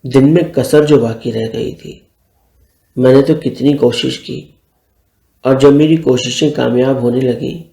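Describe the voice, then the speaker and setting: Gravelly-voiced man narrating a story. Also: mid-range voice, fairly even intonation, a little slow, mellow, reverberant. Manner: reads both lovers' lines in his own voice. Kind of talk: scripted story narration with dialogue.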